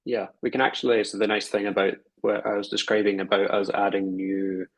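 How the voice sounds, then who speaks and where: A man's voice: lowish voice, flat delivery, a little fast, no room sound, low-quality recording. A man on a video call explains technical plans to his team in a casual, explanatory way. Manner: explanatory, casual filler words. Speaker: developer presenting at a team meeting. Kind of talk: online meeting discussion.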